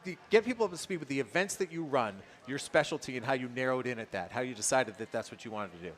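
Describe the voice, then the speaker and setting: A man's voice: medium pitch, expressive, quick pace. A man hosting a local sports talk show in a TV studio, chatting and asking questions with enthusiasm. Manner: enthusiastic, conversational interviewer. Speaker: host.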